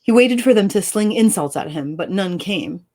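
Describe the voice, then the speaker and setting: Expressive, upbeat woman author. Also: medium pitch, moderate pace. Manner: expressive, upbeat, laughs easily. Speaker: author and co-host. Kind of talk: dramatic story reading and casual chat.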